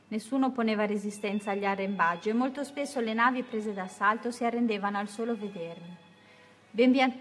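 Woman, storybook narration, steady measured reading, higher voice, faint music. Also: husky. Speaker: audiobook narrator. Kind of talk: first-person storybook narration.

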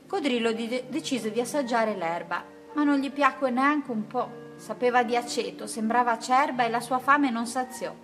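A woman reading a children's picture book aloud in a gentle, rhythmic way. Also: fairly high pitch, moderate pace, few pauses, faint music behind. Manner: gentle, rhythmic, rhyming delivery. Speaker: storyteller.

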